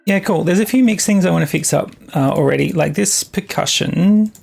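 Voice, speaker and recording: A young adult music producer streaming live, chatting casually with viewers in a halting, think-aloud way while working on tracks. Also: mid-range voice, vocal fry, darkish tone.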